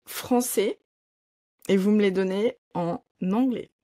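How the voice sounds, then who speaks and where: A woman's voice: mid-range voice, slow, warm tone, no room sound, clean studio sound. A woman hosting a quiz segment in a casual panel show, upbeat and leading the game. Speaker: host.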